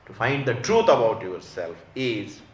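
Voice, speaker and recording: A man's voice: medium pitch, big pitch swings, unhurried. A man with an Indian accent giving a religious discourse as a spiritual teacher, didactic and emphatic, repeating phrases and posing rhetorical questions. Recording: echoey room, slightly dull sound.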